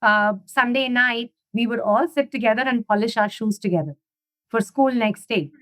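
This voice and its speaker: A woman, chatting at length as an interview guest. Her voice sits a little high and is recorded dry and close. She keeps threading "you know" and "right?" through long stories. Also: normal speed, a bit bright, dry recording. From India. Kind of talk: casual interview conversation.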